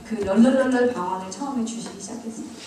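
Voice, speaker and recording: A woman's voice: a little high, racing, heavy background noise. A middle-aged woman, a church deaconess, giving her testimony with humor, mocking herself and laughing often. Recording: very echoey hall, mic far off.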